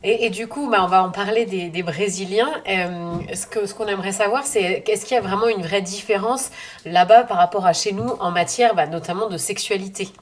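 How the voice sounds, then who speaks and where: A woman's voice: mid-range voice, fairly quick, slight background noise. A woman hosting a podcast, introducing the episode and asking her guest questions in a casual way. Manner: friendly interviewer asking questions, laughs along. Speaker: podcast host. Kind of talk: casual chat.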